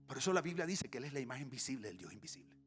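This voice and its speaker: A man's voice: mid-range voice, very fast, faint music behind. A male pastor delivering a sermon before a congregation. He tells stories with comic flair and sometimes drops into a whisper. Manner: animated, comic storytelling with dips into whispers. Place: church stage before a congregation.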